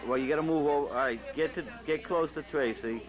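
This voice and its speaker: On an old home video full of noisy party chatter, a man films through a camcorder at a busy restaurant party. His voice is a little high and he talks fast, giving casual running commentary while coaxing and directing the guests to pose.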